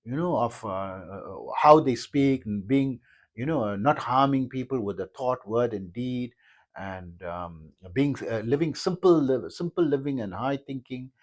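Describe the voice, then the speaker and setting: A man with a South African accent talks through spiritual ideas without a script. His pitch moves about in a lively way, and he rambles with many "uh"s and restarted phrases. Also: unhurried. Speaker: yoga teacher. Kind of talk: unscripted spiritual talk.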